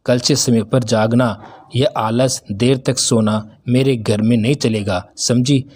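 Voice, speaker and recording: A man's voice: mid-range voice, fairly even intonation, takes it slowly, a little mellow. A man voicing a stern, bossy Indian mother-in-law. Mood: scolding. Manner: scolding, commanding. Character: stern middle-aged mother-in-law, bossy then remorseful.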